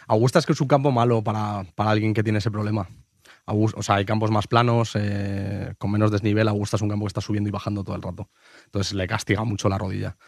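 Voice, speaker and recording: Fast-talking young Spanish golf analyst. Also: male voice, fairly low pitch, level tone, vocal fry, a little mellow, no echo, clean studio sound. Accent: Spain Spanish. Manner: rapid, enthusiastic, restarts sentences. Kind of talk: casual sports chat.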